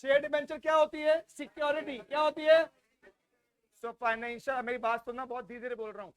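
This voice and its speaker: A man from India with an Indian accent teaching a class, drilling students loudly and repeating questions for them to answer back. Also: extremely high pitch, flat delivery, brisk, clear, resonant tone. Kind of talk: classroom lecture with call-and-response drilling.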